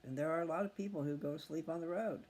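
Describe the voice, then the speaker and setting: Speaking rapid-fire in a fairly high, slightly mellow voice, a scripture reading channel host rambles casually to viewers in a folksy way, thinking aloud. The audio is poor, with faint background noise.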